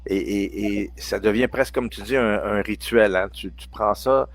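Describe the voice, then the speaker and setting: A man's voice: lowish voice, moderate pace, dry recording. A man in his sixties with a Quebec French accent, a researcher explaining natural sleep aids in a casual chat, hesitant with many restarts. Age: 60s. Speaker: guest pharmacology researcher.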